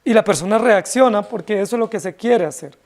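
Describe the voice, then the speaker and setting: A man's voice: high voice, fairly quick, a little mellow. A man with a Colombian accent, preaching an expository sermon to his congregation in a church. He speaks emphatically and keeps checking in with his listeners through rhetorical questions. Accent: Colombian Spanish. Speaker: pastor.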